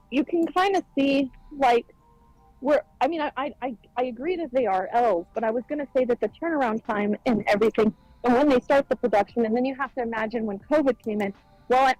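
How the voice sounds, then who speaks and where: A woman's voice: a little high, fairly quick, darkish tone, dry recording, faint music behind, rough recording. A woman co-hosting a gaming podcast over a remote call, rambling in casual chat with lots of fillers and restarts. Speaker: podcast co-host. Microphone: remote call-in mic.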